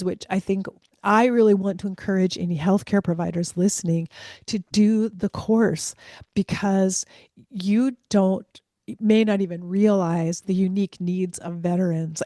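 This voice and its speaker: Mellow, earnest woman host. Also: mid-range voice, fairly even intonation, a little slow, dry recording, clean studio sound. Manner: earnest and reflective, with frequent restarts. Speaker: podcast host, former hospice physician. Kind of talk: conversational interview.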